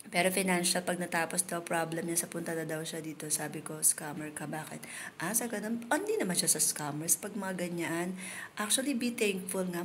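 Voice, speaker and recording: A woman's voice: on the low side, a little hiss or hum. A woman from the Philippines, chatting emotionally and directly with viewers on a live stream, speaking into a phone outdoors. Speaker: livestreamer. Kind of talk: casual live-stream chat.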